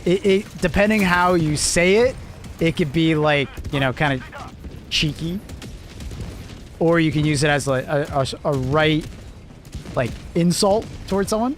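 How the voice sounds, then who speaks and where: With a mild Canadian accent bordering on American, a young man rambles casually on a live stream, relaxed, chuckling, and packing in fillers. His voice is on the high side and expressive, unhurried with frequent pauses, and a little hiss or hum runs underneath.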